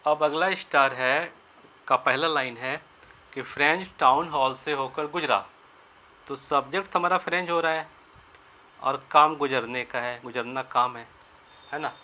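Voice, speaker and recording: A man teaching English grammar in Hindi, explaining each sentence step by step and slowing down to spell out the English phrases. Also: medium pitch, sharp tone. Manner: repeats and rephrases sentences, asks and answers his own questions. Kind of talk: Hindi-medium grammar lesson.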